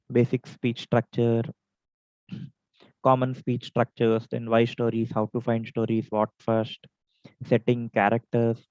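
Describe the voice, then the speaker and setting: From home, in an online meeting, a male speech contest trainer with an Indian English accent delivers an educational talk on public speaking, working through points in a list-like, instructive way and shifting pace for examples. Being unwell has left his throat dry. His mid-range voice is a little mellow, and the lo-fi recording carries no echo.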